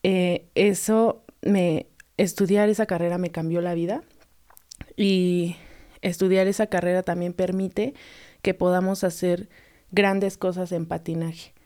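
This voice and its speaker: A woman's voice: lowish voice, a little slow. A young adult Mexican woman, a roller skating coach, chatting in an interview and acting out the voices she quotes. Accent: Mexican Spanish. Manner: animated storyteller who acts out quoted voices. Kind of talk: casual interview talk.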